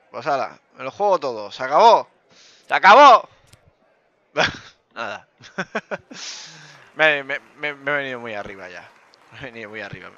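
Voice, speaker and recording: A man giving joking, self-mocking commentary over a poker game, with bursts of loud excitement. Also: medium pitch, no room sound, highs cut off. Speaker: gaming youtuber.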